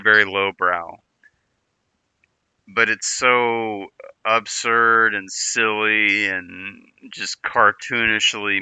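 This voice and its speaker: Slow rambling man streaming. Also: on the low side, pushed and bright, smooth, no room sound. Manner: rambling, repeats words, restarts often. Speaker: livestreamer. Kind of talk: casual stream chat.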